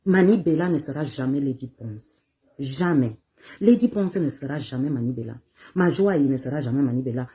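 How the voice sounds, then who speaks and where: This woman's voice sits extremely low, mellow and expressive, at a moderate pace. She's a bikutsi singer with a Cameroonian French accent, addressing her audience in a casual, emphatic, repetitive way and asking herself rhetorical questions.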